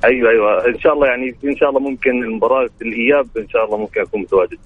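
Guy on a tinny phone line, rushes his words, husky, lots of fillers. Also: medium pitch, a crowd in the background. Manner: hesitant, full of fillers and pious phrases. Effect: over the phone. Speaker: caller to a sports radio show. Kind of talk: casual phone-in chat.

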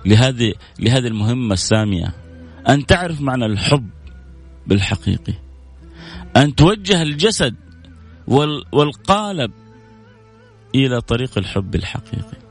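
A man's voice: medium pitch, animated, normal speed, vocal fry, pauses often, soft background music. Earnest male preacher, repeating for emphasis. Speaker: religious program host. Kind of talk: sermon-style religious talk.

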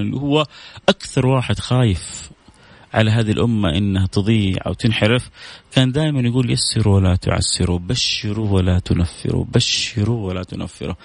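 A man with a mid-range voice hosts a religious call-in show, recorded with no room sound. He chats casually and gives religious advice, reading viewer messages aloud and repeating phrases for emphasis.

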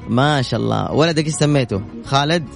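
A man hosts a lively call-in radio show, rattling along at a quick clip with a jokey, teasing manner. Faint music plays behind him in the studio. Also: medium pitch, gravelly. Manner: fast, jokey and teasing with callers. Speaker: radio host.

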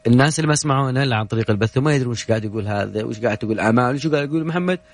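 A man's voice: medium pitch, very fast. A man with a Saudi Gulf accent hosting a call-in radio show, chatting and joking with callers. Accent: Saudi Gulf Arabic. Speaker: radio host.

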